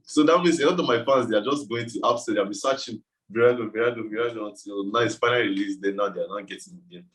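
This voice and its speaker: A man's voice: lowish voice, quick pace, hardly any pauses, a bit bright, poor audio. A man with a West African accent talking casually as an interview guest, explaining things in a loose, informal way. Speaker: game developer being interviewed.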